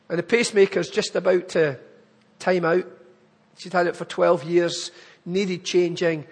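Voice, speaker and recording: A man's voice: high voice, gravelly, breathy edge, big-room sound. A man with a Glaswegian Scottish accent, giving an earnest church appeal talk that addresses the congregation directly. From Glasgow, Scotland. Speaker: charity speaker at a church. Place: church hall.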